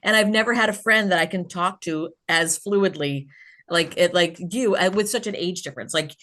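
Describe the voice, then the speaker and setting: A woman's voice: lowish voice, moderate pace, fairly bright tone. A woman in her forties hosting a podcast, talking in a chatty, rambling way with lots of fillers. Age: 40s. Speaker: podcast host. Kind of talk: casual interview chat.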